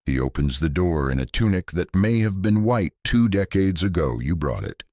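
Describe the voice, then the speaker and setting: A man with a very low, deep voice reads a calm scripted sleep story in a soft-spoken, unhurried way with a gently wry touch. The sound is close and dry, with no room around it. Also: no echo.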